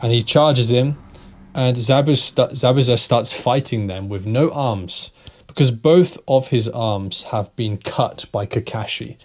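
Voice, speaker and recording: A man teaching English, retelling a story slowly for learners, repeating key phrases and checking in with "right?". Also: medium pitch. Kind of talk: slow retelling for language learners.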